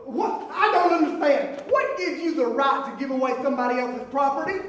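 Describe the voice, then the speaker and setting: A man's voice: very high-pitched, expressive, a little fast, fairly bright tone, a little hiss or hum. A man acting a blustering Southern suitor, far off and echoey. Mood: protesting. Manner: blustering, folksy, argumentative. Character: indignant, stubborn male suitor, a hypochondriac landowner. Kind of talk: comic stage play acting. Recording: echoey stage performance recorded from far off.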